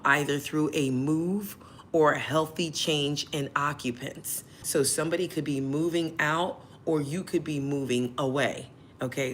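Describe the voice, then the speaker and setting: A woman whose voice is still hoarse, hosting a tarot livestream in a chatty way and checking in with her listeners often. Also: sits low, a bit bright, a little hiss or hum. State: hoarse, recovering voice. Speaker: tarot reader and channel host.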